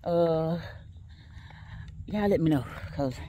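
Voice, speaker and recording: A woman with a low, slow, dark-toned voice chats casually with her viewers as she walks an outdoor track. She laughs often, speaks straight to them, and sounds a bit tired. She's a vlogger.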